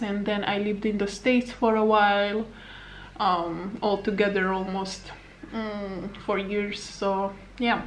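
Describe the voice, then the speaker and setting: Speaking to a camera placed at arm's length on a table, this thirtysomething fitness coach from Slovakia chats loosely in her home living room, rambling and laughing lightly between fillers. She's a native Hungarian speaker with a Hungarian accent and a medium-pitched voice, and the low-quality recording carries a faint hiss or hum.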